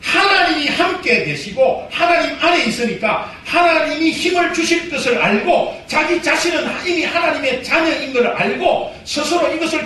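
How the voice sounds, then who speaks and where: A man preaches a sermon in a strikingly high voice that leaps up and down. He pushes hard on his exhortations and then drops to quiet asides. The recording is very echoey and distant, with faint noise behind. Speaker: pastor. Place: church sanctuary. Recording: echoey hall, voice heard from afar, faint noise.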